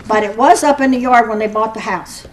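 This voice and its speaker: A woman's voice: a little high, slight background noise, low-quality recording. Older woman with a rambling complaint. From Norwood, Ohio. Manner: rambling, aggrieved, halting with restarts. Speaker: resident speaking at public comment. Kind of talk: public comment at a council meeting.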